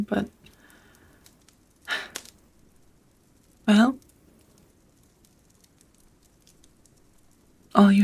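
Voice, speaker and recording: In an intimate ASMR romance roleplay, a woman plays an ancient vampire who is tender and nervous. Her whispery, husky mid-range voice is heavily acted, and her hesitant phrasing sounds slightly old-fashioned. The mood is nervous and loving.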